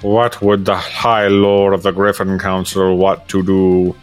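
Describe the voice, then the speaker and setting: A man voicing a skeptical male griffin guard with slow, slurred speech for a comic fanfiction reading. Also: low-pitched, little pitch movement, clear, resonant tone, faint music behind, pitched below the performer's own voice. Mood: suspicious.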